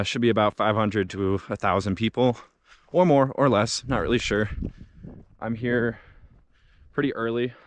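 A young man talking casually as a hiking vlogger, laid-back and rambling with lots of fillers, recorded outdoors on an arm's-length camera. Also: on the low side. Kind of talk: casual walking vlog. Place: outdoors at a desert festival campground. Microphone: action camera held at arm's length.

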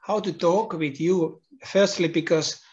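A middle-aged Finnish man, a native Finnish speaker, interviews a guest over a video call for his channel, phrasing his questions carefully and hesitantly. His voice is high-pitched, unhurried and darkish, with the highs cut off.

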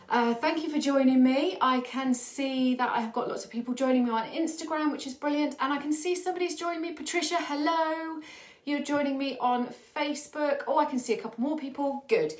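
A woman's voice: high voice, a little fast. A British woman hosting a live furniture-painting stream, out of breath and chatty, greeting her viewers by name. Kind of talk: live demo chat with viewers. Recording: echoey room.

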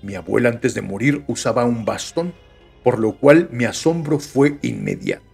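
Gravelly Mexican man reading stories. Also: medium pitch, big pitch swings, moderate pace, a little mellow, faint music behind. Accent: Mexican Spanish. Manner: chatty, joking asides between read passages. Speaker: podcast host reading listener stories. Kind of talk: casual storytelling reading.

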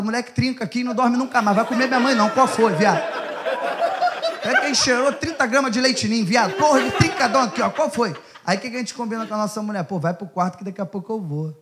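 A man with a Carioca accent doing a stand-up set in a comedy club, brash and profane, teasing the audience. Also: high voice. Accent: Carioca Portuguese. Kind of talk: stand-up set with crowd work. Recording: live club crowd laughter and noise.

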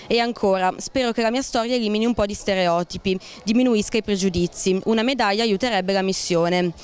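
A woman's voice: mid-range voice, fairly quick. A woman interviewer reading a scripted introduction and posing questions. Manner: clear, scripted delivery.

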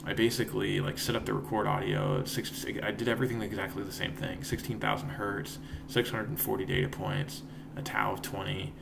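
In a home screen-share tutorial, a young man with a raspy, lowish voice casually walks through code. He's relaxed, rambling and correcting himself as he goes. Indoors in a home room, there's background noise and guitar plucks from someone playing behind him.

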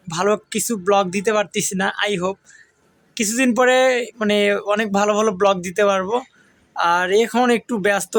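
A young man, vlogging casually and loudly coaxing a goat outdoors. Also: high voice, no echo. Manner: coaxing a goat to talk, often loud and urging. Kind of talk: casual daily vlog. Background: goat bleats.

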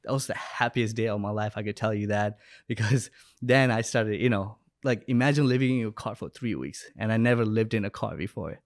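A young adult man from Bangladesh, business owner and coach, guests on a podcast and tells stories in a relaxed interview style. His voice sits on the low side and moves a little fast. Picked up close on a headset podcast mic indoors, at home or in a studio, it carries no room sound.

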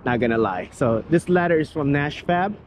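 Outdoors beside a parked vehicle, a man who built his truck gives a casual, rambling walkaround of it, full of fillers and restarts. His voice is on the high side and expressive, at a normal speed, with faint outdoor background noise.

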